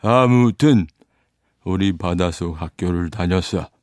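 A man voicing a mournful, self-important old turtle in a storybook reading, with drawn-out, halting phrases and heavy sighs. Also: deep voice, no room sound, clean studio sound, natural voice. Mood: mournful, wistful.

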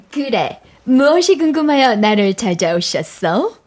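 A woman's voice: fairly high pitch, very animated, takes it slowly, darkish tone, exaggerated voice. A woman voicing a blind old fortune-teller in a radio drama reading, bossy and sing-song. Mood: theatrical. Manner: sing-song chanting, exclamatory.

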